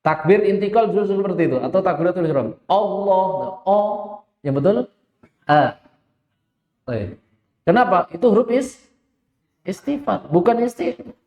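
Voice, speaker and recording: High-voiced man teaching Quran recitation. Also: lively intonation. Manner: explains rules, then chants verses slowly and drawn out; laughs while telling an anecdote. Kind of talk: tajweed lesson with recitation. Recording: echoey hall, dull lo-fi sound.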